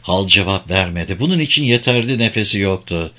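A man's voice: on the low side, expressive, brisk, sharp tone. Man narrating an audiobook.

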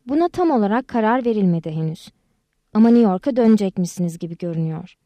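A woman reading a kind gentle man. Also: mid-range voice, animated, fast, no room sound, natural voice. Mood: reassuring. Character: kind gentle adult man, caring foster helper.

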